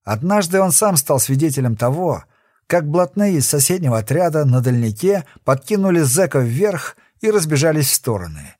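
Man narrating an audiobook, dramatic, lively pitch, slightly high voice, dry close recording. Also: normal speed, dry recording. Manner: dramatic, expressive. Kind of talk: scripted narration.

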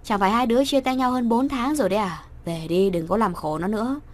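A woman's voice: medium pitch, a little fast, lightly acted. A woman voicing a stern, scolding middle-aged mother. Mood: cold. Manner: cold, scolding.

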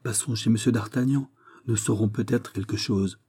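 Brief: man playing a loyal aging manservant, blunt and anxious, low husky voice. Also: fairly even intonation, moderate pace, dark tone. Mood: urgent. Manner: urgent, clipped replies.

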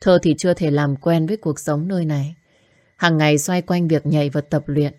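A woman with a low, measured voice reads a storybook calmly. The sound is close and dry, with no room around it. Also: no echo. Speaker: narrator. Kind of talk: scripted storybook narration.

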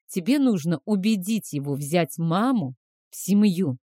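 Calm commanding male clan leader in an audiobook , read by a woman, mellow dry voice. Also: fairly low pitch, a little slow, no room sound. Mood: calm, planning.

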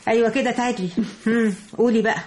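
A woman's voice: fairly high pitch, fairly even intonation, racing, a little mellow, lightly acted. An actress with an Egyptian accent voicing a sensible, discreet woman in a radio drama, firm and teasing. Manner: firm, teasing, matter-of-fact.

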